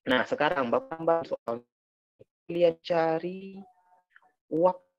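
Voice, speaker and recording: A man's voice: fairly high pitch, lively intonation, slow, soft background music. A male teacher, giving an online class over a garbled, breaking-up call connection and quizzing his students step by step. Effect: garbled bad call connection. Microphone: video call. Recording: dull lo-fi call audio.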